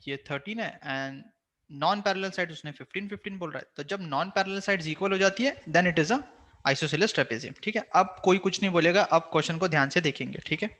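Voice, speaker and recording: A man's voice: on the high side, fairly bright tone. A man with an Indian accent teaching a maths class online, mixing Hindi and English, firm but reassuring with his students.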